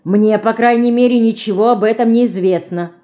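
A woman's voice: a little high, a little fast, mellow, pitched above the performer's own voice, natural voice. A proud, cold mother from a storybook, dry and cutting as she stands up to an intruder, read by a woman. Her replies are clipped and sarcastic. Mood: cold, indignant.

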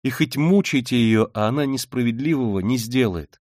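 A man reading an audiobook, voicing a timid, pious young woman who talks in a hurried, pleading way. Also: mid-range voice, a little mellow, no echo, clean studio sound, voice pushed up, close to an everyday voice. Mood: anguished. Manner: hurried, breathless, rising into agitated pleading.

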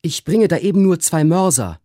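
A man's voice: normal speed, no room sound, studio quality, close to an everyday voice. A man voicing an eager, deferential old male servant, a former corporal, in a literary reading. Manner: high, excited, bowing politeness.

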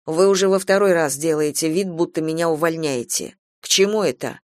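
A man's voice: a little high, a little fast, darkish tone, no room sound, clean studio sound, lightly acted. A man playing a steadfast, devoted farm manager who speaks earnestly and bluntly in a radio play. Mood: blunt reproachful.

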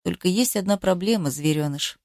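A woman reading a novel aloud and voicing a stern, brooding young man in low, clipped lines. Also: flat delivery, normal speed, dry recording, clean studio sound, close to an everyday voice. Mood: cold, low. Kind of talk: audiobook character voice.

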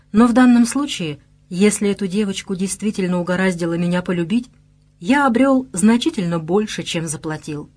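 A woman reads a fantasy audiobook aloud in a measured, even way. Her voice sits at a medium pitch. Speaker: audiobook narrator. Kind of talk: scripted audiobook narration.

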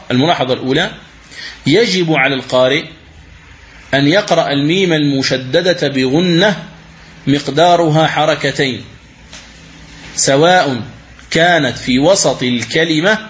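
A man teaching the rules of Quran recitation, asking questions and answering them himself, and chanting verses slowly as examples. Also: on the high side. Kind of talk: religious lesson commentary.

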